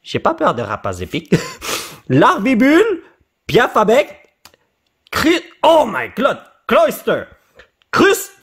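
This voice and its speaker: A man with a Québécois French accent, opening trading card packs in an excited casual vlog and dropping English slang into his French. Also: high-pitched, slow pace, slightly rough. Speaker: YouTuber opening trading cards.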